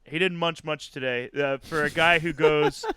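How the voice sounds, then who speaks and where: A man's voice: fairly high pitch, fairly even intonation, normal speed, bright, forceful tone, clean tone. A man co-hosting a casual sports podcast, recapping a game play by play with easy chuckles. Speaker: podcast co-host.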